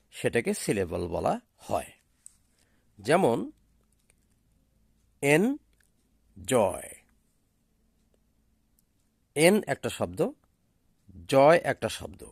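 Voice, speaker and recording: A man teaching a recorded lesson at a slow, careful pace, drawing out each practice word. His voice has a gravelly edge and rises and falls a great deal. The sound is dry, with no room echo. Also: medium pitch, darkish tone. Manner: slow, deliberate, drawing out English words for pronunciation. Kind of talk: recorded exam-prep lesson.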